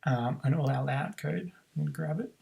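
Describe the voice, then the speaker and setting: A man's voice: a little high, moderate pace, gravelly, darkish tone, poor audio. A man teaching a coding tutorial, thinking aloud with frequent ums and self-corrections. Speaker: programming tutor. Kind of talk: screen-recorded coding tutorial.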